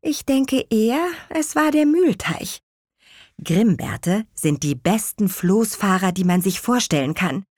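A woman voicing a calm, kind witch in a children's audio story, speaking reassuringly. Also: mid-range voice, unhurried, dry recording, clean studio sound. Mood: explaining.

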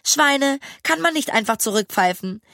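A woman's voice: high-pitched, animated, normal speed, pushed and bright, no echo, clean studio sound, voice pushed up, exaggerated voice. Smug know-it-all girl voiced by a woman. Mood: mocking. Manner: cheeky, superior.

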